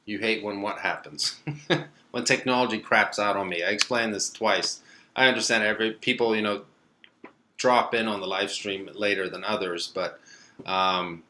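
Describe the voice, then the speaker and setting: Hosting a live stream, a young man from Sweden reads viewer comments aloud and answers them loosely, with a laid-back ramble and plenty of fillers. His voice is fairly low and moderately paced, over a little hiss or hum.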